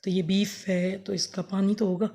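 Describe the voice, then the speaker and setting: A woman with a sore, hoarse throat giving a rambling, homely cooking demonstration for her vlog. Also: mid-range voice, little pitch movement, normal speed, mellow. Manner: homely, rambling, self-correcting explanations. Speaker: cooking vlogger. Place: home kitchen, later outdoors under a fan.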